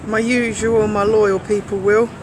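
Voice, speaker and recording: This man's voice sits high with little movement in pitch, and he keeps a measured pace. As co-host of an informal livestream filmed on a phone outdoors in London, he emphatically encourages viewers to share, doubling up words for stress amid the noise of the street.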